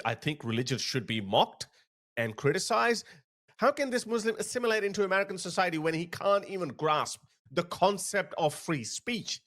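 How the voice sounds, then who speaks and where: Man, reaction commentator; blunt, scornful delivery, fairly high pitch. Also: a bit bright.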